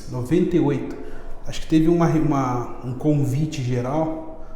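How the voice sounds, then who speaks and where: A man with a Brazilian accent, a chess teacher chatting casually in an interview and telling stories in a lively, slangy way. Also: mid-range voice, measured pace, slight background noise. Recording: echoey room with long reverb.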